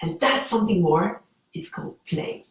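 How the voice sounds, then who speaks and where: A woman reading a scripted pitch for a promo video in a slow, measured way. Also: animated, recorded from a distance. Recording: echoey room, off-mic.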